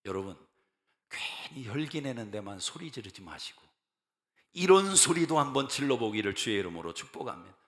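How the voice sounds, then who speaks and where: A man's voice: medium pitch, big pitch swings, normal speed. Emphatic male pastor in echoing church. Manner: emphatic preaching that builds to loud declarations; repeats key phrases for emphasis. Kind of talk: sermon. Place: church sanctuary. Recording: reverberant church sanctuary.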